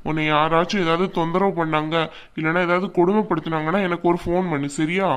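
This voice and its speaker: A woman's voice: lowish voice, fairly even intonation, quick pace, clean tone, lightly acted. A woman voicing an older male father-in-law in a cartoon, firm and fatherly. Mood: reasoning. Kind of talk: cartoon voice acting.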